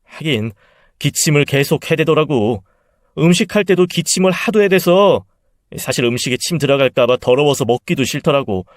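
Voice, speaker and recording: A scheming, spiteful son-in-law, voiced by a man, talks with open contempt. His voice sits a little high and is recorded dry. He turns defensive and stammering when caught. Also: expressive, moderate pace, no echo, lightly acted. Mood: sneering. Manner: contemptuous, then flustered and pleading.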